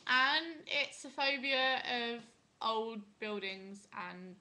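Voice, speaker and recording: A woman's voice: fairly high pitch, slow, sharp tone. A young British woman chatting casually with a friend in a giggly, teasing way. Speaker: vlogger, opera singer.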